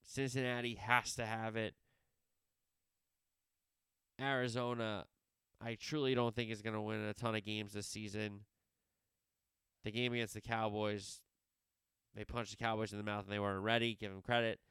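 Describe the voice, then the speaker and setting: Smooth, low-voiced rambling sports host. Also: male voice, little pitch movement, normal speed, pauses often, fairly bright tone, no room sound, studio quality. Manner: rambling, goes off on tangents and corrects himself mid-thought. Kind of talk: solo sports preview commentary.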